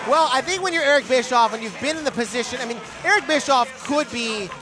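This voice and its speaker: A man's voice: very high voice, quick pace. A middle-aged man calling a pro wrestling match as a play-by-play sportscaster. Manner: sportscaster-style announcing.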